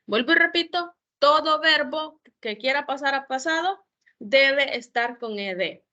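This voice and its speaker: A woman with a high, bright voice teaches an online grammar class. She takes her time and talks at an unhurried pace. She sets out each rule patiently and backs it with one example after another. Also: animated, lo-fi sound. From El Salvador. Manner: patient, explains step by step with examples. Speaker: English tutor.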